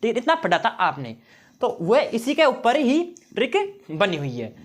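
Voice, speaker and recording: Guy teacher running through exam memory tricks, high voice, bouncy, keeps checking in w students. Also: huge pitch swings, measured pace.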